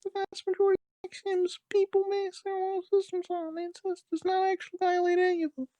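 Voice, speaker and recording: A man putting on a high falsetto voice for a flustered, frantic young woman. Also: flat delivery, a little fast, warm tone, no echo. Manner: frantic, overwrought melodrama. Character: breathless flustered young woman, the narrator's sister.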